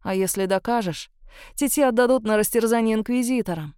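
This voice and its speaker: A woman narrating a first-person novel in a steady, expressive audiobook reading. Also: a little high, brisk, clear, resonant tone, no echo, clean studio sound.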